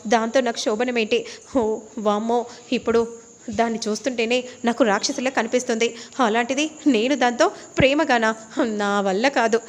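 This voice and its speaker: A woman's voice: fairly high pitch, steady tone, normal speed, close to an everyday voice. A woman voicing an anxious young groom in a panicky inner monologue. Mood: panicked. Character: anxious young groom dreading his bride.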